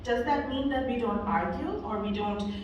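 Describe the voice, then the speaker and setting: A woman's voice: a little high, moderate pace, a little mellow, a little hiss or hum. A woman from Bangladesh gives a motivational speech as a guest speaker, telling stories earnestly with frequent fillers. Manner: earnest storytelling with frequent "you know" fillers. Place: event hall. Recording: echoey hall, voice from a distance.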